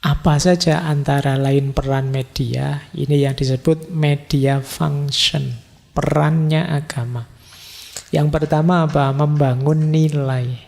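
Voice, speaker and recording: A man's voice: on the high side, fairly even intonation, slow, vocal fry, a little mellow. A middle-aged man giving a casual philosophy lecture in a mosque hall, talking conversationally with teasing everyday examples and rhetorical questions. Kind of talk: casual Javanese-tinged lecture. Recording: long reverb of a large hall.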